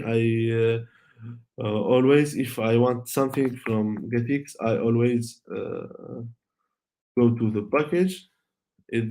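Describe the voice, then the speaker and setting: In a warm, medium-pitched voice, a man whose first language is Arabic delivers a virtual tech presentation and takes audience questions. He speaks hesitantly, restarting often and leaning on fillers.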